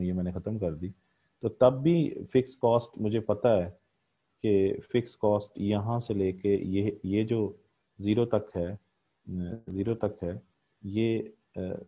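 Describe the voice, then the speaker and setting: A man's voice: on the low side, narrow, tinny audio. A man giving a recorded economics lecture, explaining a graph step by step with frequent "uh" fillers and repeated pointing words.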